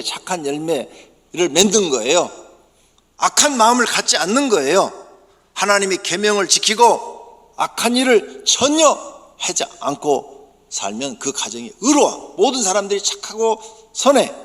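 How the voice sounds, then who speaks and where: Korean pastor preaching in a reverberant sanctuary. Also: male voice. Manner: emphatic preaching, swings from soft low asides to sudden loud bursts. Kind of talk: sermon. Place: church sanctuary. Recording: church sanctuary with long reverb.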